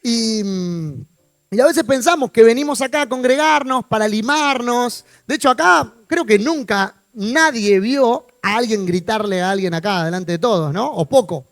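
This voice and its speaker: A man's voice: extremely high pitch, moderate pace, fairly bright tone, dry recording, clean studio sound. A man with a Rioplatense accent, preaching as a pastor in an informal, conversational way, asking his congregation questions and slipping in jokes. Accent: Rioplatense Spanish. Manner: informal, asks the congregation questions, joking asides. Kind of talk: conversational sermon. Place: church.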